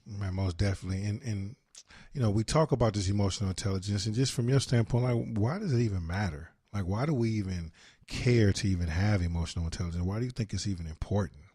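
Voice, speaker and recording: A man's voice: fairly low pitch, quick pace, dark tone, slightly rough, no room sound, clean studio sound. A man hosting a podcast, asking laid-back reflective questions in casual conversation. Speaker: podcast host.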